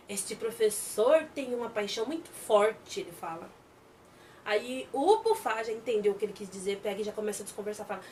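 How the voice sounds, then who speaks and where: A woman with a Brazilian accent casually retelling a drama episode, acting out the characters' lines in quick changing voices. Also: on the high side, a little hiss or hum. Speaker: drama recap vlogger.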